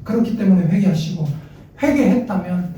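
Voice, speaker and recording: A man, animated and playful. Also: sits high, a little fast. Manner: animated, playful, quotes his child and God in acted voices. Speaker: pastor. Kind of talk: sermon. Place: large church sanctuary. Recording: echoey sanctuary, distant mic.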